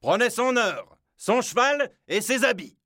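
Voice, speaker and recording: A woman putting on a gruff brigand chief. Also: on the high side, animated, moderate pace, fairly bright tone, no room sound, clean studio sound, pitched above the performer's own voice. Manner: barking orders, rough. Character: gruff dirty male brigand chief, brutal.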